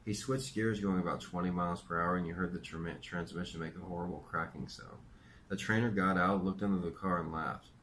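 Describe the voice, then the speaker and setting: A man reading his own memoir aloud in a very low, deep voice. He tells the story in a dry, matter-of-fact way, with a faint hum of room noise behind him. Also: fairly even intonation, fairly quick, a bit bright.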